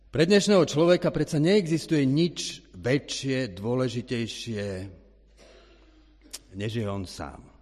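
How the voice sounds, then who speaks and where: Husky-voiced male preacher in echoing church. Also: mid-range voice. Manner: lively and animated, clears his throat now and then. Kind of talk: sermon with storybook reading. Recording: reverberant church hall.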